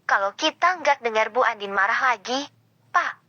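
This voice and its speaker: A woman's voice: fairly high pitch, animated, normal speed, pushed and bright, no echo. A woman voicing a clever, polite young male office boy who explains things patiently. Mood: calm. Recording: dull lo-fi with guitar music.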